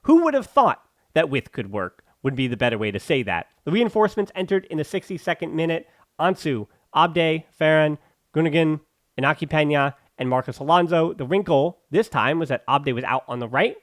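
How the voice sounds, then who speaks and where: A man's voice: a little high, animated, brisk, no echo, studio quality. A man hosting a football podcast, giving emphatic, opinionated analysis with sarcastic asides and bursts of ranting. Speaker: podcast host.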